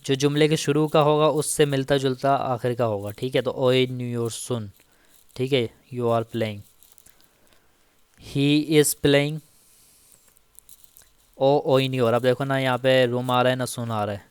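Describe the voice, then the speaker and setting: A man teaching Turkish grammar in a casual spoken lesson, slowly repeating each example and checking in often with the listener. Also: mid-range voice, steady tone, clean tone, no echo. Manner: slow, repeats each example with frequent "theek hai".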